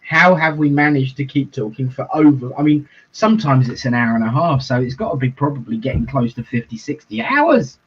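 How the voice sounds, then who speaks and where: A slightly rough, medium-pitched male voice with lively intonation belongs to the reverend co-host, who chats casually on the livestream, chuckles frequently and stretches out his phrases. The audio comes through a video call and sounds dull and lo-fi.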